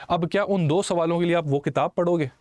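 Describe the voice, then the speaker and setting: A male teacher giving an exam-prep lecture, animated and rhetorical, scolding students informally. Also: on the high side, quick pace, no echo.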